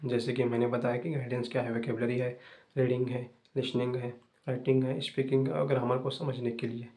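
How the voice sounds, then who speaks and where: A young man hosting an English-learning channel, giving fast, repetitive, casual advice to viewers. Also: mid-range voice, little pitch movement, warm tone.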